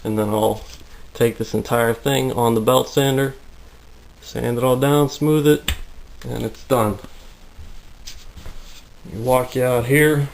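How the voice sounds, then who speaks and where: In a hot, humid home workshop, a prop maker gives a casual tour of his tools and builds, rambling along with plenty of fillers. His low, flat drawl is gravelly, worn raspy and a little breathless, with little rise and fall. The recording is rough, with slight background noise.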